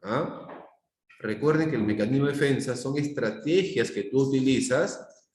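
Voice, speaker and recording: A man's voice: medium pitch, moderate pace, darkish tone. Peruvian man teaching in an echoey room. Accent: Peruvian Spanish. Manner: explains with examples, often asks the class "¿se dan cuenta?". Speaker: psychology teacher. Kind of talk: live online class lecture.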